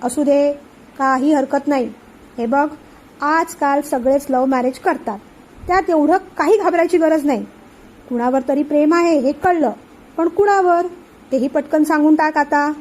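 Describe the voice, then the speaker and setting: A woman's voice: sits high, a little slow, darkish tone. A woman reading the part of a caring middle-aged aunt who coaxes affectionately. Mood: coaxing. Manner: coaxing, affectionate.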